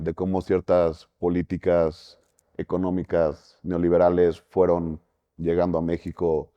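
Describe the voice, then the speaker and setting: A man, an artist, explaining a piece in an interview, in an explanatory way with casual slang. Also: sits low. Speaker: artist in a collective. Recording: dull lo-fi recording.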